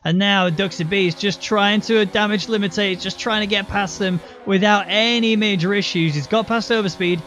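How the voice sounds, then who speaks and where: A man's voice: sits high, steady tone, moderate pace, hardly any pauses, fairly bright tone. A man giving live motorsport commentary, calling the race play-by-play and explaining the moves as they unfold. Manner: running play-by-play with explanatory asides. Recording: muffled, noisy, engine sounds behind.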